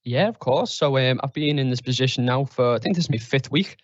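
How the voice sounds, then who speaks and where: A man's voice: medium pitch, a little fast, dry recording. A young adult man with a Liverpool accent, answering interview questions in a candid, modest, chatty way. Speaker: guest, tech trainer. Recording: dry, slightly dull lo-fi sound.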